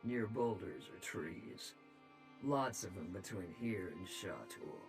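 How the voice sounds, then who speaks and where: Gruff game Orc, curt and blunt, echoing helmet voice, middling-low pitch, music behind. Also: male voice, expressive, takes it slowly, full character voice. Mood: gruff, matter-of-fact. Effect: hollow echoing voice from inside a helmet. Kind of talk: video game character dialogue.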